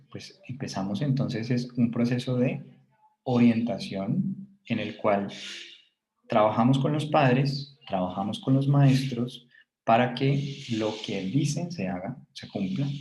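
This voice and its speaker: A man with a Colombian Spanish accent lectures to a class. His voice is dark and mellow, and he explains patiently, thinking aloud with fillers and restarts. The room is roomy and echoey. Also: medium pitch.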